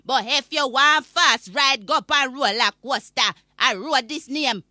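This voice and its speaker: A woman's voice: sits high, unhurried, sharp tone, no echo, full character voice. A woman playing a cantankerous old Jamaican granny, ranting comically in patois with indignant, emphatic scolding. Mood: grumbling, exasperated. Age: older. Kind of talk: comic rant monologue in patois.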